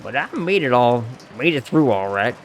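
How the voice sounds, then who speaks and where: A man reads a game character's lines aloud, lightly acting a friendly, teasing hobo drifter with a folksy, unhurried way of talking. His mid-range voice swings widely in pitch.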